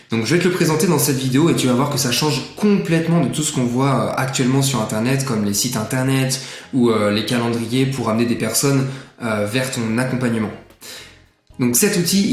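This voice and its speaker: A man casually walking the viewer through a software tutorial, chatty and full of filler sounds. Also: medium pitch. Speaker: tutorial presenter. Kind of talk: casual screen-share tutorial. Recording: echoey room, faint music.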